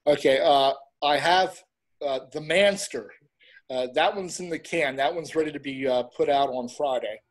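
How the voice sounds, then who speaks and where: A middle-aged man chatting casually as an interview guest, rambling a little and pausing as he goes. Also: a little high. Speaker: interview guest, horror host and film reviewer.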